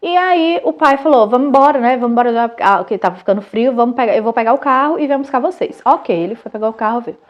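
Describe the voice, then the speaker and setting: A Brazilian woman in her thirties, a mother and channel host, telling a family story in a casual, animated, chatty way with many restarts. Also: on the high side, quick pace, hardly any pauses, muffled recording. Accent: Brazilian Portuguese.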